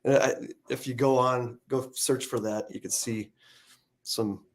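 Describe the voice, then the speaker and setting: A man's voice: medium pitch, steady tone, measured pace. A man hosting a podcast, chatting casually about real estate news in a loose, hesitant way with lots of fillers. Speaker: podcast host. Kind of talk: casual chat over a call.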